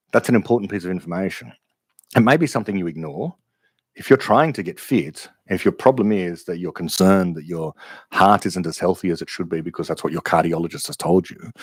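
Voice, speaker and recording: A man's voice: deep voice, darkish tone, no echo. A man hosting a livestream Q&A, thinking aloud in a reflective, unscripted monologue with frequent restarts. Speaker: livestream host answering questions.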